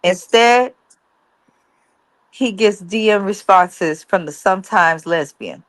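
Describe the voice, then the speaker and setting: A woman's voice: mid-range voice, slow pace, no room sound. A woman co-hosting a TV recap, talking bluntly and profanely in a casual, ranting way. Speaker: co-host of a TV recap show. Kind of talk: casual review chat.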